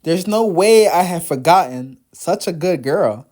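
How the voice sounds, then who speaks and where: A man voicing a cheerful, forward young woman nurse in a manga read-aloud, talking brightly and a little louder than his narration. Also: high voice, animated, a little slow, voice pushed up. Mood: bubbly.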